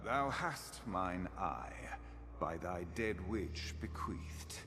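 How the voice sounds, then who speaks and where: A man's voice: low voice, animated, drawn-out words, full character voice. An actor voicing a mysterious male keeper of a soul-wagering game in a video game, speaking in a solemn, archaic whisper. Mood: ominous whisper. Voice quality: whispery, archaic formal speech. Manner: ominous, solemn, theatrical. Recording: game audio with clear background noise.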